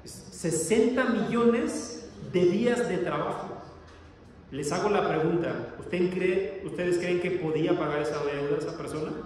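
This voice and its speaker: In an echoey church hall, a man with a high, slightly mellow voice preaches a sermon at a somewhat slow pace. He reads verses aloud and questions the congregation while explaining them, picked up by a distant mic.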